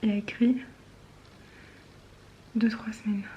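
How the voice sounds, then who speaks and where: Young woman, high voice, nervous, half-whispered vlog talk. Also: little pitch movement, a little slow, dull audio, a little hiss or hum. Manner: nervous, often whispering to the camera. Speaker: vlogger. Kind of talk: casual vlog.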